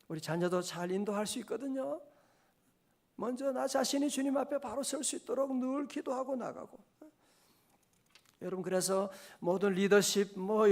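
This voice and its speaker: A man's voice: sits high, a little mellow. A male pastor preaching a dawn prayer sermon in a church, fervent and rising to emphatic exhortations. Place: church sanctuary.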